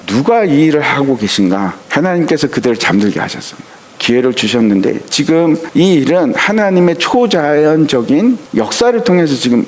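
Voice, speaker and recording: Lively, animated man preaching a sermon. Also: on the high side. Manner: asks rhetorical questions and answers them himself; acts out quoted lines from scripture. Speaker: pastor.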